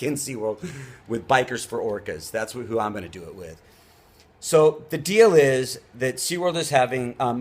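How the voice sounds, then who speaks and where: A man's voice: mid-range voice, slightly rough. A man who hosts a show, delivering an off-the-cuff opinion rant in an emphatic, indignant way, leaning hard on key words. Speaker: show host.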